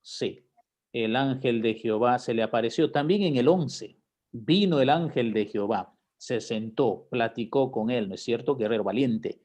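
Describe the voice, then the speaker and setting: Mellow-voiced man teaching a Bible class. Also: mid-range voice, moderate pace. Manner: preacherly, swings from soft to loud impassioned quotes.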